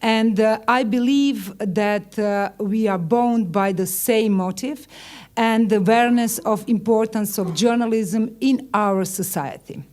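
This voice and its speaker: Halting female speaker with a Croatian accent. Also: mid-range voice, darkish tone. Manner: halting non-native English with dropped articles. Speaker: conference speaker, journalists' union leader. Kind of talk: formal opening remarks.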